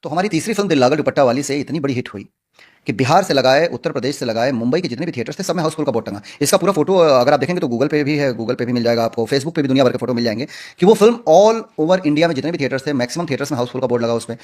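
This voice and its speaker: A man's voice: mid-range voice, expressive, rapid-fire, a little mellow. A man answering interview questions as a film actor, speaking earnestly and outspokenly with emphatic stresses.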